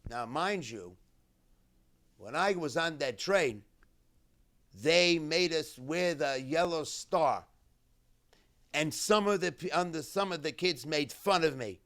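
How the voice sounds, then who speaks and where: At a memorial gathering, a cantor gives the keynote address, retelling a survivor's story in the first person. His slightly high, expressive, fairly bright male voice moves in short phrases with measured, deliberate delivery.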